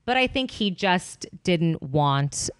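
A woman's voice: on the low side, expressive, takes it slowly, clear, resonant tone, no room sound. A young woman, a singer-songwriter guest, chatting casually on a podcast and filling her talk with "like" and "um". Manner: chatty, lots of fillers like "like" and "um". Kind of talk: casual interview chat.

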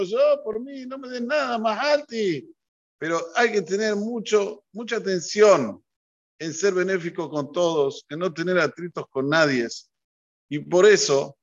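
A man preaches as a rabbi, telling stories with lively delivery and Hebrew terms woven in. His voice sits a little high. The recording is dull and lo-fi. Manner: animated storyteller mixing Hebrew terms. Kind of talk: sermon with storytelling.

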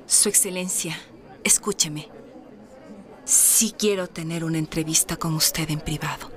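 A woman's voice: low voice, a little slow. A woman playing a refined, romantic lady in a historical audio drama, speaking formally and earnestly as if confiding. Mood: composed, resolute. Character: refined, candid married lady, romantic and independence-minded.

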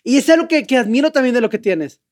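Very high-voiced Mexican host joking. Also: male voice, animated, fast talker. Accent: Mexican Spanish. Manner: joking, teasing, heavy slang. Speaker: podcast host. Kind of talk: casual interview chat.

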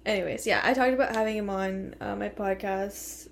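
A woman's voice: medium pitch, steady tone, moderate pace, vocal fry, slight background noise. A woman in her twenties hosting a casual podcast chat, giggly and rambling. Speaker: podcast host.

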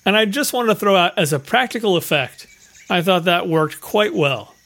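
Man, higher voice, casual movie podcast co-host, joking, rambling, repeats words. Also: lively intonation, normal speed, a bit bright. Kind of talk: casual movie-review chat.

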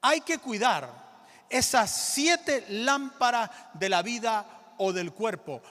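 High, lively preaching man in a church. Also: slow. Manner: emphatic preaching with call-and-response to the congregation. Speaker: pastor. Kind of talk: sermon. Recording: reverberant church hall.

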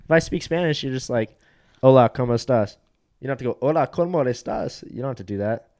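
Young comedian dude, laughs a lot, voice bounces all over, swears casually. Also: male voice, medium pitch, expressive, fast talker, darkish tone. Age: 20s. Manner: laughs often, loose and profane. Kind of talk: casual chat.

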